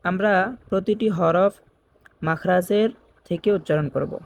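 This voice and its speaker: A man teaching Quran reading, slowly repeating each Arabic letter sound and explaining where in the mouth it is made. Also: high-pitched, creaky, slight background noise. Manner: chants the Arabic opening phrases in a drawn-out sing-song.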